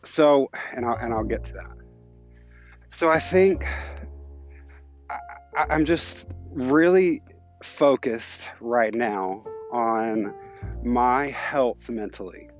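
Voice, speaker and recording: This podcast host, a man in his thirties, talks slowly at medium pitch and pauses often while recounting something personal on an outdoor walk. Soft music plays behind him, the highs are cut off, and he's reflective, candid, slightly breathless, and prone to restarts.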